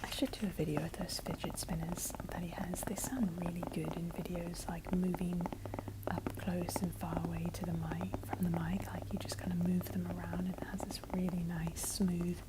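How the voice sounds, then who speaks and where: A woman's voice: on the low side, little pitch movement, normal speed. Whispering ASMR woman with finger tapping. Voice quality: breathy, mostly unvoiced whisper. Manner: intimate casual rambling while tapping on items. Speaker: ASMR video creator. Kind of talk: whispered, soft-spoken ASMR. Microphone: close ASMR microphone. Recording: close noisy mic with tapping and clicks. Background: finger tapping and clicking on objects.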